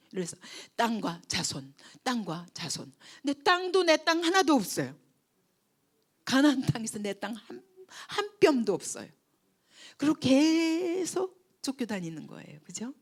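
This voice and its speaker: A woman pastor preaching with a lively, swooping delivery in a fairly high voice. She tells the story with feeling and often turns to the congregation with rhetorical questions. Now and then she drops to a whisper to stress a point. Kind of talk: sermon at a church retreat.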